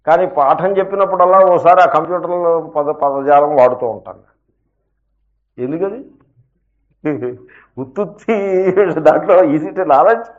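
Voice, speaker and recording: A male spiritual teacher giving a scripture lecture in a somewhat raised voice. He explains step by step, puts rhetorical questions to his listeners and slows down for emphatic asides. The recording sounds dull and lo-fi. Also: on the high side.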